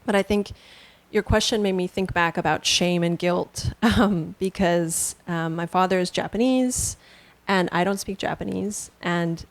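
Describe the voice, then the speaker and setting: A woman from Canada answering an audience question at a book launch, thoughtful and halting. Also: on the low side, no echo. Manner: thoughtful, soft-spoken, halting. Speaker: author on a panel. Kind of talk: panel answer at a book reading.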